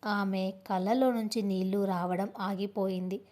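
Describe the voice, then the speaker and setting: A woman narrating a dramatic audio story in a measured, scripted storytelling manner. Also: medium pitch, steady tone, a little mellow.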